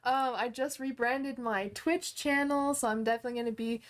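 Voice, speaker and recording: Chatting upbeat with her viewers, this livestream host in her twenties replies to their comments in a voice on the high side, steady and at a moderate pace. She also teaches online courses, and her talk is packed with fillers and false starts.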